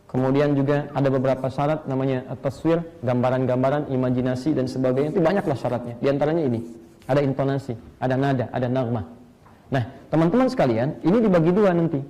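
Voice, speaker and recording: A male Islamic preacher giving a lively lecture sermon, quizzing his listeners and chanting Arabic verse meters to make his points. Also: medium pitch, fast, poor audio. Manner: asks audience rhetorical questions.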